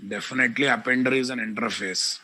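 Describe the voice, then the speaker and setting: A man with a Telugu Indian English accent teaching a live online software class, repeating phrases and addressing his students directly. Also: mid-range voice, fast talker. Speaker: programming teacher.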